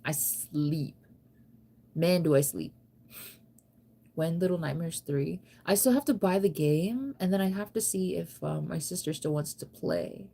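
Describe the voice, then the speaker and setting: A woman's fairly low, husky voice with vocal fry and a warm tone comes a little slowly. She's an American streamer in her thirties, chatting late at night and answering comments from viewers. She talks in a rambling, conversational way and playfully teases herself.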